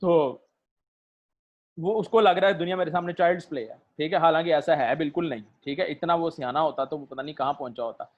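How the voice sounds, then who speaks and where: A man giving a literature lecture, mixing in English terms, hesitating with fillers and keeping on asking his students "right?". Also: fairly high pitch. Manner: keeps checking "theek hai?" and fills pauses with "uh", mixing in English terms. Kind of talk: recorded lecture. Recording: dull lo-fi recording.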